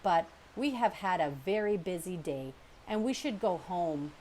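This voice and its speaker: A woman voicing a friendly female robot in a storybook reading, polite and formal in a gentle tone. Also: lowish voice, lively intonation, unhurried, a little hiss or hum.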